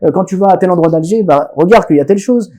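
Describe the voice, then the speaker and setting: A man from France telling stories as a podcast guest in a casual, animated way, often restarting phrases and acting out dialogue. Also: high voice, fast. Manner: animated, many restarts, acts out quoted dialogue. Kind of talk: casual conversational storytelling.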